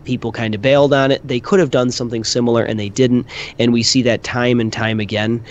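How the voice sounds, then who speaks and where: A man's voice: mid-range voice, flat delivery, fairly quick. A man giving his opinions as a panelist in casual talk, thinking aloud and repeating words as he goes. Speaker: panelist on a gaming discussion show.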